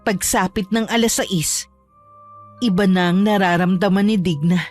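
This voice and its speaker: A woman giving scripted horror narration in a measured, grave tone. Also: mid-range voice, soft background music. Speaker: storyteller.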